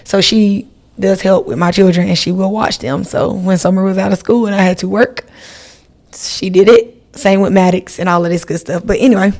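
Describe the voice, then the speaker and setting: A woman's voice: mid-range voice, fairly even intonation, normal speed, a little mellow. A woman, hosting her podcast in a chatty, rambling style and talking straight to her listeners. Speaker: podcast host. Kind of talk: casual solo podcast chat.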